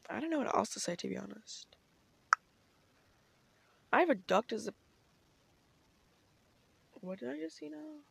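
A woman's voice: medium pitch, creaky, breathy edge. A young woman chatting casually as a solo podcast host in a bubbly, gushing, girlish way, peppering her talk with filler words.

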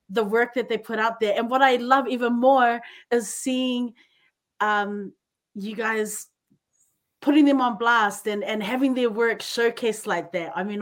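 A woman's voice: on the high side, a bit bright. A woman hosting a casual interview, speaking in an effusive, affirming way. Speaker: podcast host.

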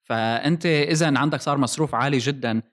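Male podcast host, Levantine Arabic accent, medium pitch, brisk delivery, casual explainer mixing English tech terms.

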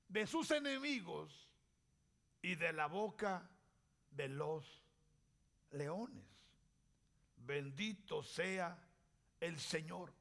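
High-pitched slow-preaching man. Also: gravelly, a bit bright. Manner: slow, deliberate preaching with rhetorical questions. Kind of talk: sermon.

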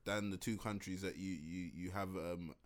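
A man's voice: low-pitched, fairly even intonation, moderate pace. A man, co-hosting a casual podcast chat, joking and laughing often. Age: 30s. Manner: jokey, laughs often, slangy. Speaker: podcast co-host.

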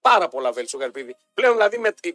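A man with a high voice trades quick sports banter on the radio, often repeating himself as he talks. Faint music plays beneath the studio broadcast. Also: sing-song, a bit bright, dry recording. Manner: chatty, repeats himself, reads ad copy. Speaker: radio sports show co-host. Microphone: studio microphone.

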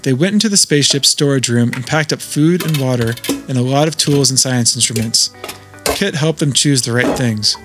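A man narrating a children's adventure story in a steady, scripted way. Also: medium pitch, normal speed. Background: music.

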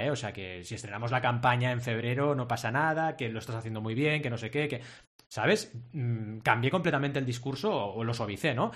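A man hosting a podcast from Spain, chatting casually and telling anecdotes in an animated way. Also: mid-range voice. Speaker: podcast host. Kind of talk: casual podcast monologue and chat.

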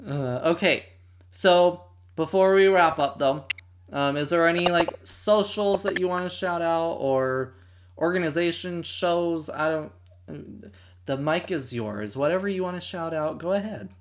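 Chill podcast guy wrapping up, lotta ums and laughs, voice kinda going hoarse. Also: a little high, measured pace, background noise. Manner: relaxed, laughs often, many fillers. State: losing his voice. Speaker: podcast host. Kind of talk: casual podcast chat and outro.

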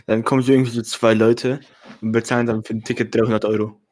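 A man's voice: medium pitch, level tone, quick pace, darkish tone. A young man co-hosting a casual podcast, talking in a self-mocking, slangy way with English words mixed in. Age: teenager or young adult. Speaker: podcast co-host.

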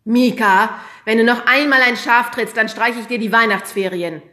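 A woman's voice: fairly high pitch, big pitch swings, moderate pace, reverberant, voice pushed up. A woman voicing a harried male schoolteacher who scolds the children during a nativity rehearsal, in a storybook reading. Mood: scolding. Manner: loud, scolding calls.

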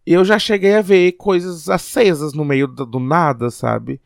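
A man talks casually on a podcast, reflective and a little hesitant as he thinks aloud. His voice sits a touch high. The sound is dry and close, with no room around it. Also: steady tone, measured pace, vocal fry, no echo. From Piauí, Brazil. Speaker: podcast co-host.

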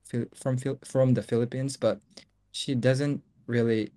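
A young Japanese co-host speaks in a mid-range voice that is fairly even in intonation and a little slow. He talks thoughtfully in a casual chat, moving back and forth between English and Japanese in a soft, reflective manner.

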